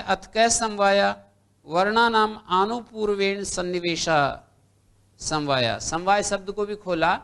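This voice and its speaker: A man teaching Sanskrit grammar in a classroom lecture. He recites lines from old texts and then explains them slowly, one step at a time. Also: high-pitched, gravelly, fairly bright tone. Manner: slow, recites text then explains, lists letters one by one.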